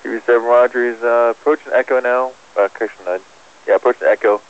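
A man's voice: mid-range voice, steady tone, fast, clean tone. A man working as an air traffic controller gives clipped, terse instructions over a crackly radio transmission. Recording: muffled, crackly aviation radio recording.

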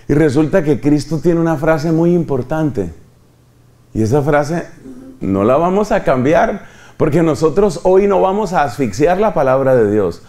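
Impassioned male preacher, raised voice. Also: on the high side. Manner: impassioned, rising to near shouts on key lines. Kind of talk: sermon.

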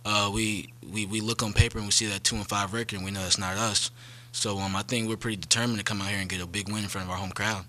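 A young man, a college basketball player, explaining his play in a quick, matter-of-fact way at a press conference desk microphone. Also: fairly low pitch, steady tone, pushed and bright. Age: young adult. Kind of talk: post-game press conference answers. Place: press conference room, seated at table. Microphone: desk microphone on stand.

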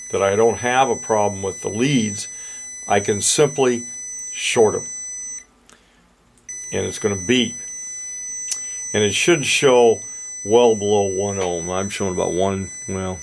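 An older man with a lowish voice walks through a bench demonstration as a repair instructor. He talks slowly and plainly, in a folksy, easygoing way, picked up by a camera mic in a workshop. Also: creaky, slight background noise. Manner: plain-spoken, unhurried, folksy.

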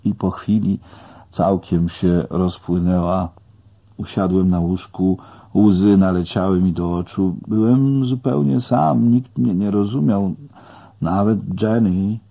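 A man narrates an audiobook in a slow, unhurried first-person way. His voice sits very low and is husky and breathy. The recording is dull and muffled.

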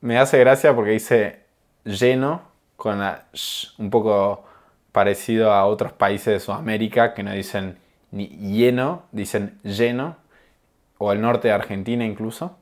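Man, teacher explaining clips, calm and amused, lowish voice. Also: normal speed. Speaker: Spanish teacher. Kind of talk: explaining language points over clips.

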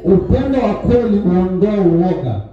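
A man interpreting a sermon live in a church hall, restarting words quickly as he translates. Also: sits high, very animated, soft background music. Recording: echoey hall, distant and dull.

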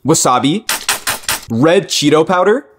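A young man announcing food-challenge items one by one in clipped, deadpan short phrases. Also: a little high, a little slow, background noise. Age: young adult.

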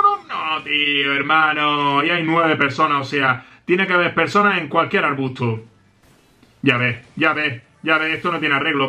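Excitable gamer man, bright voice. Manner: excitable, shouts and jumps high in pitch at game moments. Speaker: gaming youtuber. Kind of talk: live gameplay commentary.

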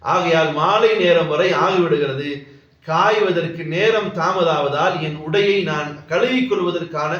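A man's voice: a little high, unhurried, fairly bright tone. A man voicing an aged, pious male governor who speaks in a solemn, pleading way. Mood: humble pleading. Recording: echoey hall, distant mic, dull lo-fi sound.

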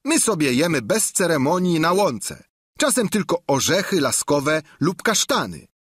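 Audiobook casting: brash, hungry peasant squire, high and blustering, read by a man, dry close sound. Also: sing-song, a little slow, husky, no room sound, full character voice. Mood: bossy. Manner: loud, high, insistent. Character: boisterous greedy peasant squire, middle-aged man. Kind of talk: audiobook reading.

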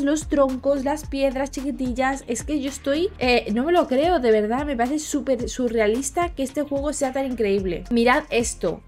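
A young woman from Spain with a Spain Spanish accent, previewing a game at home late at night. Her voice sits a little high and she gushes eagerly, yet holds back from shouting. Faint music plays behind her. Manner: gushing, keeps her voice down to avoid shouting. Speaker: gaming video host. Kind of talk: excited game preview commentary.

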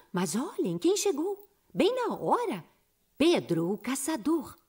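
A theatrical cartoon schoolteacher. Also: female voice, high voice, sing-song, slow pace, warm tone, exaggerated voice. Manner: theatrical, announcing. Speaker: teacher presenting a school play.

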